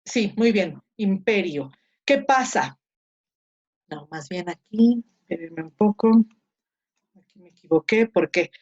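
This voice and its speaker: Female Latin teacher, slow and deliberate, sounds out syllables; muffled lo-fi class audio. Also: medium pitch, expressive. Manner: corrects herself aloud while marking slides. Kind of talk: online class lesson.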